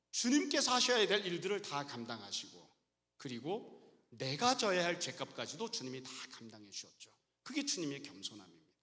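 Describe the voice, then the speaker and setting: A man's voice: a little high, pushed and bright. A middle-aged man preaching a sermon as pastor, stressing points and asking rhetorical questions. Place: church sanctuary. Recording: reverberant church hall.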